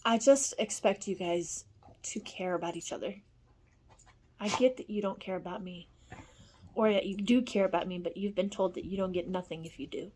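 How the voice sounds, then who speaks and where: A woman in a rambling spoken monologue, blunt and profane, swinging between low murmurs and loud scolding. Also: normal speed. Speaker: vlogger.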